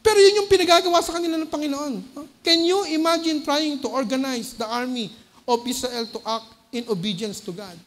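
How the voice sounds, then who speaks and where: A man with a Filipino accent preaching a sermon. He often asks the congregation "no?" and moves between loud urgent bursts and low quiet asides. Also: brisk, slight background noise. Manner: keeps checking with the congregation by tagging "no?" onto phrases. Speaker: lay preacher. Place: church hall. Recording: long reverb of a church hall.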